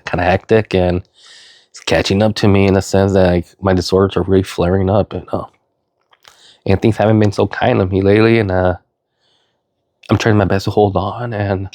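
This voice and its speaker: A middle-aged vlogger with a sniffly cold rambles earnestly through a monologue, heavy on fillers and "you know," sometimes bursting into loud, high-pitched emphasis. The recording is dry and studio quality.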